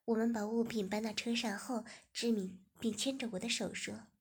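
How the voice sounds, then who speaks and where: A woman narrates a story in a steady, even voice. Her tone sits slightly high and carries a breathy, husky grain. She reads at an unhurried, regular pace. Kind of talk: scripted narration.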